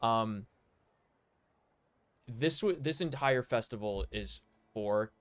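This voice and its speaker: A man's voice: medium pitch, lively intonation, slow. A man streaming a video game with casual, slangy, laid-back commentary. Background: game music.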